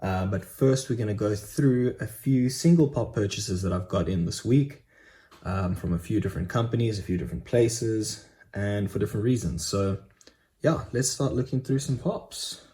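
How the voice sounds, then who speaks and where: A man's voice: lowish voice, normal speed, mellow. A young man casually chatting through his collectible purchases in a vlog, enthusiastic with frequent ums. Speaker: Funko Pop collector vlogger.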